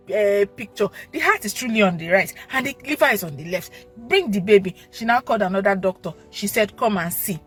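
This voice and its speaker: A young woman with a Nigerian accent gives a heartfelt testimony in church, calling the pastor papa. Her voice sits a little high and swells toward shouting and tears. Soft music plays faintly behind her. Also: slightly rough. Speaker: testimony giver.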